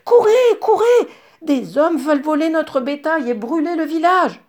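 A woman voicing a brave little village girl who shouts warnings in alarm. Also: high-pitched, expressive, unhurried, pitched above the performer's own voice. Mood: urgent, alarmed.

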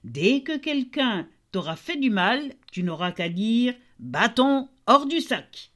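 A woman's voice: on the high side, big pitch swings, takes it slowly, a bit bright, pitched above the performer's own voice, full character voice. A woman voicing a male master craftsman giving instructions in a fairy tale reading. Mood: instructive.

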